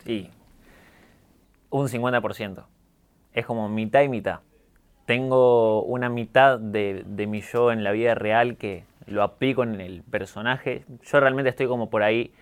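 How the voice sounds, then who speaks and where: Young Argentine male guest, neutral Argentine accent, clean smooth timbre, calm and candid. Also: medium pitch, unhurried. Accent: neutralized Argentine Spanish. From Córdoba, Argentina. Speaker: guest, YouTuber. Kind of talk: casual interview talk.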